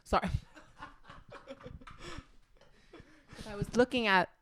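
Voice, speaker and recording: A woman's voice: mid-range voice, drawn-out words, a bit bright. A woman hosting a casual radio chat, talking in a sassy, slangy and encouraging way. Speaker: host.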